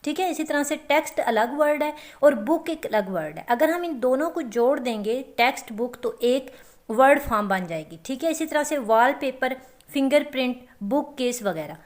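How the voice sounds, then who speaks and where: A woman's voice: sits high, expressive. A woman teaching a lecture to students, explaining step by step and often checking that they follow. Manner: explains slowly with repeated check-ins.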